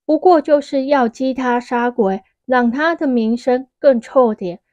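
A woman's voice: high-pitched, measured pace, a little mellow, dry recording, muffled recording. A woman voicing a stern, protective male swordsman in an audiobook, speaking firmly.

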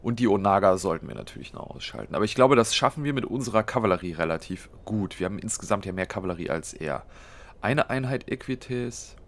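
A let's play host with a cold delivers fast, expressive commentary in a fairly low voice. Casually thinking aloud through a strategy game, he plans each move step by step and uses lots of fillers.

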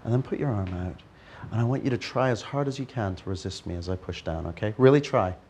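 A man's voice: fairly low pitch, fast talker, a little hiss or hum. A man leading a live workshop demonstration, coaxing a volunteer in a playful way. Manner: playful, coaxing, animated with a group. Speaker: NLP trainer. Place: training room before a live audience.

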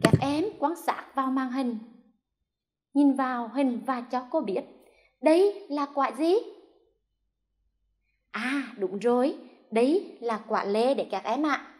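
A woman primary school teacher from central Vietnam giving a televised first-grade lesson, pronouncing sounds clearly and slowly for young children. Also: high voice, darkish tone. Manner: slow, clear, drawn-out enunciation for young children.

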